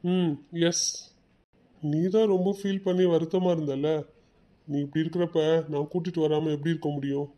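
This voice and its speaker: A man's voice: a little high, steady tone, normal speed, warm tone, lightly acted. A man playing a reassuring cartoon friend. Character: supportive adult male friend. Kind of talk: cartoon voice acting.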